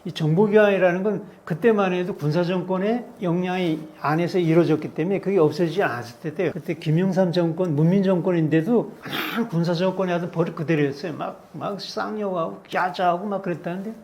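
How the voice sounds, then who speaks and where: Indignant older man, dark mellow voice. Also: sits high, fairly quick, few pauses. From North Korea. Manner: emphatic, indignant, acts out quoted officials. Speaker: interview guest, defector activist. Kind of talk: impassioned storytelling interview.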